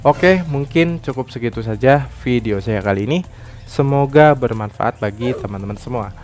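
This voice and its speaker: This tech tutorial YouTuber has a mid-range, darkish voice and keeps a moderate pace. He narrates an app walkthrough in an explanatory way, frequently tagging lines with a quick "ya," over background music.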